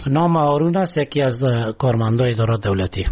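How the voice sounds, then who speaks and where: A man in his forties with an Afghan accent answering interview questions spontaneously, pausing often as he goes. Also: mid-range voice, expressive, a little mellow, soft background music. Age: 40s. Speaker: interviewee, government employee.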